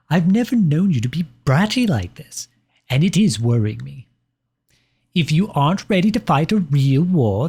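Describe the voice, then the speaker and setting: With a fairly high, somewhat mellow voice and a breathy edge, a man voices a pompous empire cast as a clingy, doting suitor in a scripted ASMR piece. He reads letters in a sugary, condescending way, sounding concerned yet condescending.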